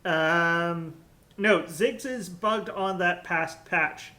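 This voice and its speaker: A man's voice: high voice, extremely slow, bright, forceful tone. A young man solo casting an esports draft, chatty and jokey, thinking aloud on a headset mic. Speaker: esports caster.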